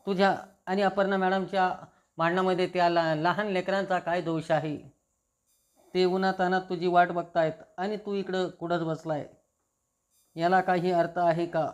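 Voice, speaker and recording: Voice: medium pitch, little pitch movement, moderate pace, lightly acted. The narrator reading as a curt, bitter father. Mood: irritated. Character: irritated grieving father, government officer.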